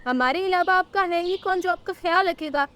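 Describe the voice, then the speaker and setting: A woman's voice: very high-pitched, moderate pace, a bit bright, pitched above the performer's own voice. A woman voicing a caring young male bird, a son and husband who soothes and reasons with his family, in a cartoon story. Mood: concerned.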